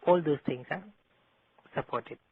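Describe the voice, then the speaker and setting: A man's voice: on the high side, a little slow, breathy edge, dry recording. A man giving a methodical technical lecture, heard over a landline phone as an instructor explaining step by step. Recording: tinny landline phone line.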